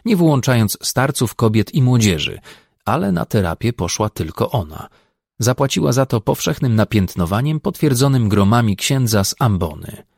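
A man narrating an audiobook in a wry, even storytelling manner. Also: medium pitch, gravelly, husky, no echo, clean studio sound.

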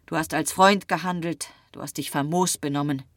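A weary young man with a mocking edge, heard in a storybook reading. A woman narrator voices him in a fairly low register, recorded dry and close. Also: fairly even intonation, normal speed, no room sound, natural voice. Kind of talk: audiobook reading.

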